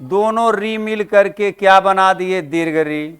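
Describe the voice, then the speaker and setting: A male teacher giving an exam-prep lesson, asking the class questions and answering them himself, and repeating key terms slowly for emphasis. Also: high voice, a bit bright, clean tone, soft background music.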